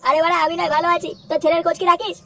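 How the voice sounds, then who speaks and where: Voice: extremely high pitch, flat delivery, very fast, creaky, full character voice. A performer voicing a nosy, preachy neighbour man who tells tales about a boy. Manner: gossiping, preachy advice. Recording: loud background music.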